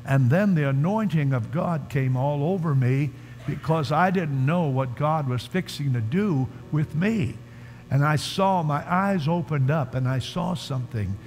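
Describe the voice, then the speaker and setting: A man's voice: on the high side, a little slow, a little mellow. A man preaching a sermon at a conference, telling a story emphatically and calling out to the congregation. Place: large conference hall. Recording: reverberant hall, faint music underneath.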